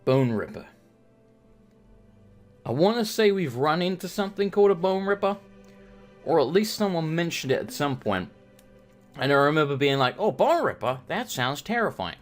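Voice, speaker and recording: In a gameplay video, a British host plays while telling long-winded, profane and jokey stories with animated energy. His voice sits on the high side at a normal pace with long pauses, and faint music plays in the background.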